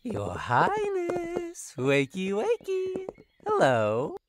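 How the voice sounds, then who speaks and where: A woman's voice: sits high, wildly swooping pitch, drawn-out words, noisy background, heavily acted. A woman playing a playful, flirty demon jester for a visual novel horror game, teasing and sweetly menacing in a theatrical way. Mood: teasing, gleeful. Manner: theatrical, teasing, swinging from singsong chirps to sinister purrs.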